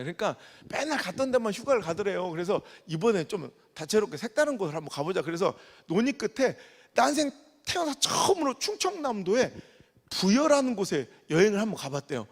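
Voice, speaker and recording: High-voiced preacher in a reverberant hall. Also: male voice. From Korea. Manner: animated storytelling, acts out dialect dialogue, swings from soft to loud. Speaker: pastor. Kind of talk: revival sermon. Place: large church sanctuary. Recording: long church hall reverb.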